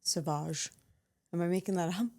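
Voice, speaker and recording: Lower-pitched woman, casual podcast chat. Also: brisk. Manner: chatty, swears freely. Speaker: podcast co-host.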